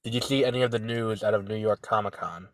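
A podcast co-host with a cold chats casually in a lowish, stuffy, nasal male voice. He talks fast and keeps a steady tone, rambling hesitantly with plenty of fillers and restarts. The audio has no echo but is poor quality.

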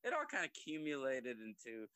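Lively, bright-voiced man rambling through a story. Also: mid-range voice, brisk, dry recording. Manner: rambling storyteller with many fillers and acted-out quotes. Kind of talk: casual chat.

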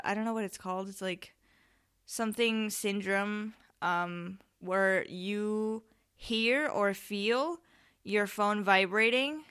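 On her solo podcast, a late-teen girl from Spain talks casually, wandering off topic and interrupting herself with frequent ums. She has a clear, smooth voice of ordinary pitch for a young woman, and her tone is bright and forceful. Even so, she seems a bit tired and anxious.

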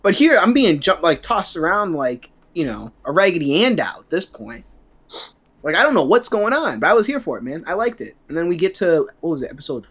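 A man's voice: fairly high pitch, sing-song, a little fast, a bit bright. A man co-hosting a casual podcast, rambling on with playful self-mockery and saying "dude" all the time. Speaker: podcast co-host giving a review.

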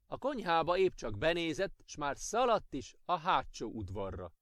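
A man narrating a children's storybook audiobook with expressive storytelling. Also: fairly high pitch, no echo, studio quality.

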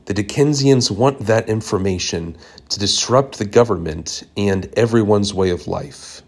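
A man voicing an elderly great aunt who speaks in a solemn, hesitant way with long pauses. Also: fairly low pitch. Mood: grave. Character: elderly great aunt, sighing, grave and cryptic.

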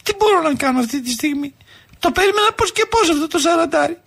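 A man's voice: very high-pitched, animated, vocal fry, fairly bright tone, heavily acted. A man on a prank phone call, playing a pleading middle-aged woman who keeps apologizing and whining. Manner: overly apologetic, whiny, tearful pleading. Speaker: prank caller.

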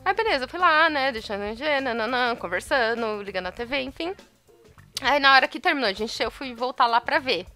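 A young woman tells a story in an animated, chatty way, laughing often and acting out the back-and-forth. Her voice is bright and sits a little high. Soft music plays faintly behind her. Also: a little fast. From Brazil. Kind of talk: casual storytelling chat.

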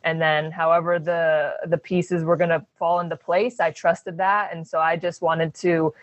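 A woman's voice: on the low side, flat delivery, normal speed, dry recording. A young woman from Arizona, a basketball player, answering interview questions in an earnest, reflective way with lots of fillers.

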